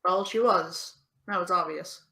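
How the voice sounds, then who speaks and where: A woman with a lowish voice plays Eve, a sardonic young adult American, speaking a little slowly. Her audio drama lines feel intimate and teasing, delivered dry and deadpan.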